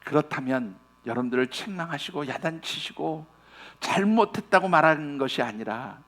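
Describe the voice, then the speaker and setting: Earnest Korean pastor preaching. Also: male voice, mid-range voice. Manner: earnest, addresses congregation directly; retells scripture in casual speech. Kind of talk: sermon.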